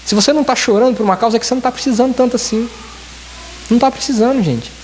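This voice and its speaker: A man's voice: extremely high pitch, very fast, darkish tone, slight background noise. A man, a church elder, preaching a sermon and pleading earnestly with the congregation, often repeating key phrases. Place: church service in Japan.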